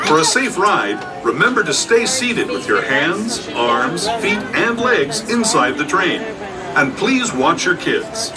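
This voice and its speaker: A man's voice: fairly high pitch, sing-song, slow. A man playing a friendly railroad tour guide, narrating a scripted theme-park ride in a folksy storytelling way. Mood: friendly guiding. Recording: distant train speaker under loud music.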